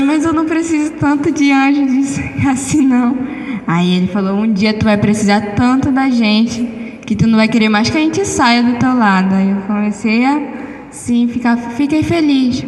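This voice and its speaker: A woman with a Brazilian accent gives a spoken testimony in church, telling her story animatedly and acting out the dialogue. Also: a little high. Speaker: church member giving testimony. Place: church hall. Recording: echoey church hall with long reverb.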